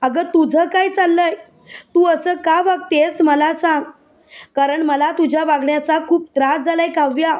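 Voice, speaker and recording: A woman's voice: very high voice, fairly even intonation, moderate pace. Woman voicing furious betrayed young wife. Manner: loud, indignant, repeating herself.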